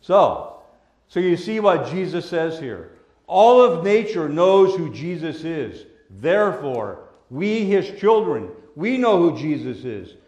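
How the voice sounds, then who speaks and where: A man preaching a children's sermon as a pastor, gentle and patient like a Sunday school teacher, using simple words and questions. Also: fairly high pitch, sing-song, slow pace. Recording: echoey room.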